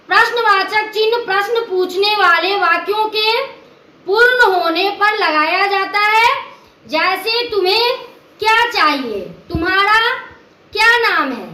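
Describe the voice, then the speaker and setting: A woman explains a grammar lesson slowly and carefully, working through examples one by one. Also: very high-pitched, bright, forceful tone, reverberant. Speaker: teacher.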